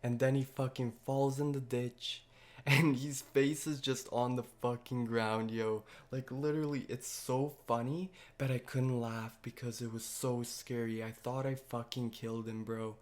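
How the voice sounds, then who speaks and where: A man's voice: medium pitch, level tone, a little slow. A young man casually telling a story to his viewers, with heavy slang and constant swearing. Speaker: vlogger.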